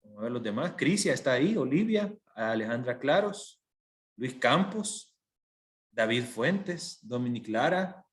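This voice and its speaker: A man's voice: mid-range voice, sing-song, a little slow. A male teacher giving an online language lesson, explaining step by step and often checking that his students follow. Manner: patient, explains step by step with frequent checks for understanding. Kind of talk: online class lecture.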